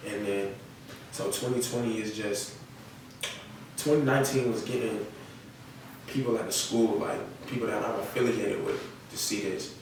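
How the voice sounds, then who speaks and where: Fairly low and steady, this young man's voice moves at a moderate pace with long pauses. He's a North Carolina rapper being interviewed casually on a podcast, heavy on slang and "you feel me" check-ins. The mic is distant, and the room is echoey and noisy.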